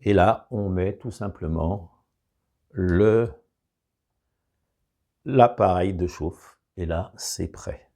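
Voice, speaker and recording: Slow, low-voiced French-speaking man. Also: dark tone. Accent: French regional. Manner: hesitant, many fillers, meticulous explaining. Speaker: product reviewer. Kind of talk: casual product demo.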